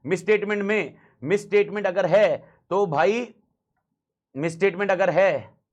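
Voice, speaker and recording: A man teaching an audit class in Hindi with an Indian accent, slightly hoarse, emphatic and repeating key phrases over and over. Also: sits high, a little slow. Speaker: audit lecturer. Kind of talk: classroom lecture.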